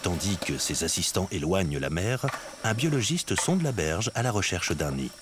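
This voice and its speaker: A man's voice: deep voice, big pitch swings, moderate pace, background noise. A man reading scripted nature documentary narration. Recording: music behind the voice.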